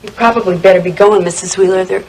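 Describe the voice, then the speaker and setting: A woman's voice: mid-range voice, steady tone, fast talker, a little mellow, a little hiss or hum, natural voice, low-quality recording. Actress as a nervous, deferential young woman. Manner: anxious, deferential. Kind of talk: 1980s TV soap opera acting.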